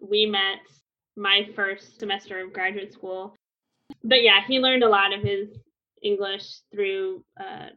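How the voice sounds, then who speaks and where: A relaxed Spanish instructor in her thirties gives a casual, conversational explanation in a medium-pitched, creaky voice. She uses frequent fillers and restarts, and the lo-fi recording is slightly muffled.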